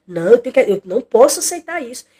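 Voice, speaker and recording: Woman, Bible study teacher, conversational, repeats herself, fairly high voice. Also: sing-song, quick pace, dark tone, husky. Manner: conversational, repeats phrases, acts out quoted people. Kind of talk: expository Bible study livestream.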